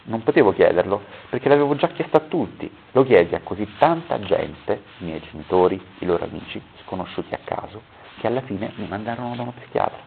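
A man's voice: on the low side, lively intonation, fast talker, vocal fry, a little hiss or hum. A man reading a story aloud at a public talk, stopping now and then to correct his own misreadings. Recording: tinny phone-like recording.

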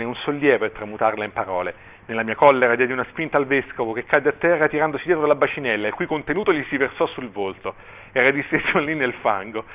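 Un uomo che legge ad alta voce un brano di romanzo con espressività, con qualche breve commento. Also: male voice, mid-range voice. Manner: expressive reading with brief asides. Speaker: reader at a cultural event. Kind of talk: reading a novel excerpt aloud. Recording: tinny phone-like line.

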